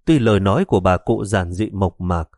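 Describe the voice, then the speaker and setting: A male storyteller reading a novel in a steady, even manner. His voice sits on the low side and the recording is close and dry, with no room around it. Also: fairly quick, no room sound. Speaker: narrator. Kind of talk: audiobook narration.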